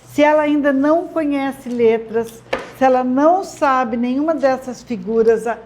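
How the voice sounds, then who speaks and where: High-pitched lady teaching parents reading games, keeps asking tá? né?. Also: normal speed, slight background noise. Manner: warm, encouraging, lots of "tá?" and "né?" check-ins. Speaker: literacy teacher answering parents' questions. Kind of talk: friendly instructional talk to camera.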